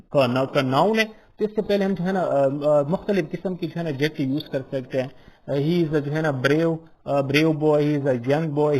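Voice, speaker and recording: A man with a fairly high voice explains grammar to a class at an unhurried pace. He keeps checking in with his listeners after each point. When he reads English definitions, he slows right down and says each word with care. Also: darkish tone, rough recording.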